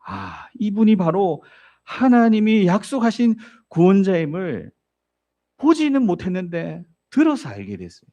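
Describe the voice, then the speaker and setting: High-voiced, animated male preacher. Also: unhurried, dull audio. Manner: asks the congregation rhetorical questions; storytelling, acts out voices in the story. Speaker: pastor. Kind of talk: sermon.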